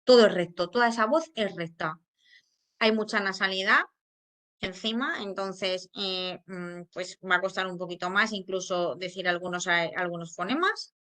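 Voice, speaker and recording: A woman's voice: fairly low pitch, moderate pace, a bit bright. A woman speech therapist with a Spain Spanish accent gives an informal educational talk. She explains patiently, with many fillers and frequent checks that listeners follow.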